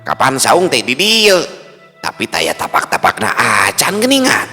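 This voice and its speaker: A man's voice: medium pitch, wildly swooping pitch, a little slow, bright, forceful tone, pitched above the performer's own voice, heavily acted. A man voicing a bewildered village man lost near a haunted tree, muttering to himself and chanting spells. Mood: confused. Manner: fretful, muttering to himself, then chanting incantations. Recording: long reverb with faint music.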